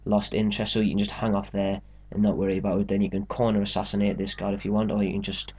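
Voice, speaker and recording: Lowish-voiced man narrating a walkthrough. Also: level tone, quick pace, darkish tone, slightly rough, highs cut off. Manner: chatty, joking, explains step by step. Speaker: game walkthrough host. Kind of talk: casual gameplay commentary.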